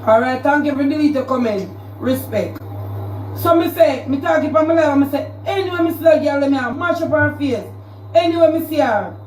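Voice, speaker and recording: High-voiced Jamaican woman ranting on a livestream. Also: lively intonation, fairly quick, a little mellow, reverberant, distant mic, poor audio. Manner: confrontational, repetitive, calling out a rival. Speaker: social media livestreamer. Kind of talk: heated livestream rant.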